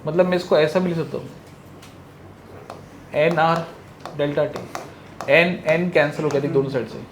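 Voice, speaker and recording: A male physics teacher, lecturing in a quick, lively way. His voice sits high for a man, and he keeps asking his class questions and then answering them himself. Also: a little hiss or hum.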